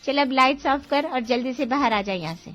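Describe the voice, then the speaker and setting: A woman's voice: high-pitched, expressive, a little fast, a bit bright, faint music behind. Scolding cartoon mother. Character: doting, scolding middle-aged mother.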